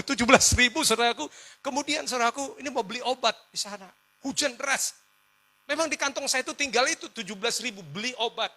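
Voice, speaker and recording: A male pastor preaching, telling a personal story in an animated way, swinging from loud outbursts to hushed words. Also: very high voice. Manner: animated storytelling, switching between shouts and hushed tones, laughing along.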